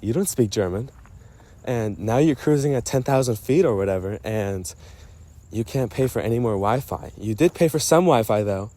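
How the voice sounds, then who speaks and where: A man leaves a friend a rambling, casual voice memo, joking at his own expense, interrupting himself and drifting off his point as he tells his story. His voice is warm and medium-pitched.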